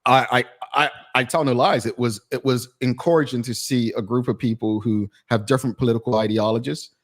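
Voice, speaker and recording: A man hosting a talk show, relaxed and easygoing, with frequent restarts and fillers. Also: medium pitch, fairly quick.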